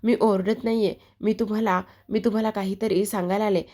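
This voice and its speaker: A woman's voice: mid-range voice, fairly even intonation, fairly quick, dark tone, natural voice. A woman voicing a grieving young married woman who pleads and repeats herself as she tells the family urgent news. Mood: pleading.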